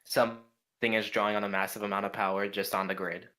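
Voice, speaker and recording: A young man running a tabletop game, his voice bright and lowish. He narrates in a flat, even tone, wandering through his descriptions with plenty of "like" and "kinda". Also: fast, rough recording. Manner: meandering description full of "like" and "kinda". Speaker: game master.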